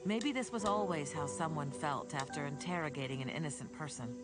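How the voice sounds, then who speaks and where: A woman narrating an audiobook in an even, measured reading. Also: sits low, loud music behind the voice.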